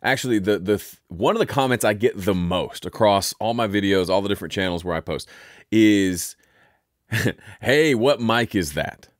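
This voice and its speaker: A man with a deep, resonant voice hosting an audio software tutorial in a relaxed, chatty way. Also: moderate pace, dry recording, studio quality. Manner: relaxed, chatty, self-interrupting. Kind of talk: casual spoken tutorial.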